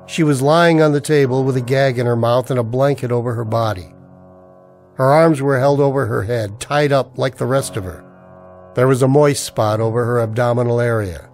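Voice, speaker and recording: Faint music sits behind a man whose mid-range voice is a little mellow and natural, at normal speed. He's acting the part of a weary, cynical, down-on-his-luck narrator in a scripted, brooding noir drama modeled on old radio plays.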